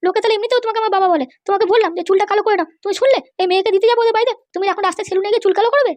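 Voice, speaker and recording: A woman's voice: very high voice, very fast, a little mellow. A woman voicing a bossy cartoon mother who scolds her husband. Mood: scolding. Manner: nagging, scolding. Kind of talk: cartoon voice acting.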